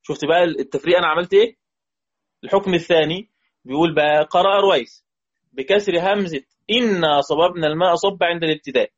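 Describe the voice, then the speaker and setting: Husky Egyptian sheikh teaching. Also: male voice, on the high side, fast talker. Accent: Egyptian Arabic. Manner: questioning students, repeating key phrases. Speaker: Quran recitation teacher. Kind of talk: lesson. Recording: dull lo-fi recording.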